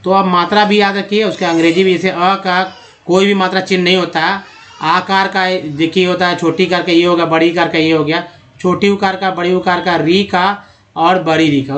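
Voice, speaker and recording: A man's voice: sits high, fairly bright tone. A man teaching English pronunciation in Hindi, explaining step by step and asking questions that he answers himself. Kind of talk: classroom-style explanation.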